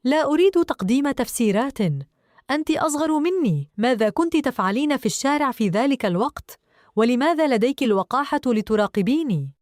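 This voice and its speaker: A woman's voice: high voice, animated, brisk, a little mellow, no echo, studio quality. A woman voicing a secretive older sister, a young woman who answers curtly and dismissively. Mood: defiant. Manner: curt, dismissive.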